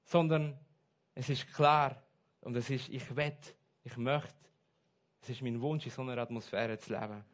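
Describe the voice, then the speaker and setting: A man preaching a sermon, switching between soft asides and loud, stressed points. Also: mid-range voice, steady tone, normal speed. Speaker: pastor.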